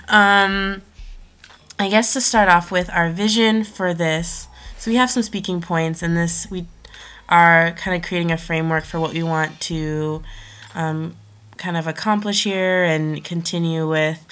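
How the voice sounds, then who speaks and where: A woman's voice: lowish voice, a bit bright, clean tone. A young woman hosting a podcast in casual talk, hesitant as she searches for words, with a nasal whine from a congested cold. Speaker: podcast host.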